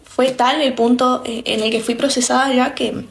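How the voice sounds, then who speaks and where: A woman's voice: high-pitched, fairly even intonation, moderate pace, creaky. A young woman from Argentina with an Argentine accent, giving an earnest, reflective personal faith testimony with frequent restarts. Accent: Argentine Spanish. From Misiones, Argentina.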